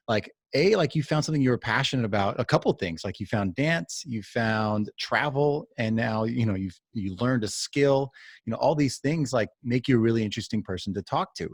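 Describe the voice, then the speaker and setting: A man's voice: medium pitch, husky, no echo, studio quality. A man hosting a podcast interview, talking conversationally and asking long, searching questions. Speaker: podcast host. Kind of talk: casual interview talk.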